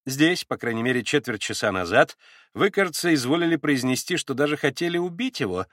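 A man reading aloud and voicing a formal investigator who questions in a measured, deliberately calm way. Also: medium pitch, dry recording, studio quality, natural voice.

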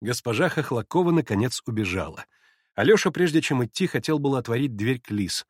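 A man giving scripted literary narration of an audiobook in an even storytelling manner. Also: mid-range voice, fairly quick, slightly rough, no echo, studio quality.

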